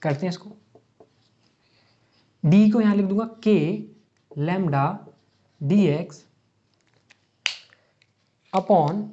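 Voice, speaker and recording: A man lectures on physics for exam prep, speaking very slowly in a high, warm voice with frequent pauses. He works problems on a board, asking and answering his own rhetorical questions step by step and using English math terms. The sound is dull and lo-fi.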